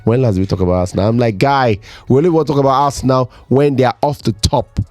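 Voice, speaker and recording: A man co-hosting a casual sports podcast, animated and quick to mimic voices in his stories. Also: mid-range voice, no echo, faint music behind. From Nigeria. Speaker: podcast co-host.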